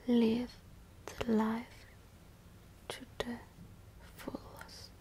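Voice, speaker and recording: A woman delivers a whispered pep talk in ASMR style, breathing out short affirmations at an extremely slow pace. Her pitch stays fairly even, and she leaves long pauses between phrases, often repeating them. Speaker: ASMR host.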